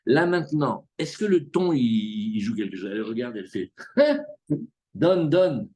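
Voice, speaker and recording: A man's voice: medium pitch, moderate pace. A man teaching a live Talmud class to students, acting out the characters' lines as he explains. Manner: animated, acts out the characters' lines.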